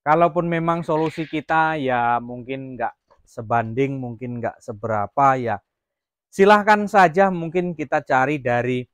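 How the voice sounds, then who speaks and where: A man's voice: mid-range voice, measured pace, smooth, no room sound. A man from Jambi, Indonesia, running a casual farm vlog about raising quail, rambling with many fillers and restarts. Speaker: quail farmer vlogger. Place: quail farm, near the cages.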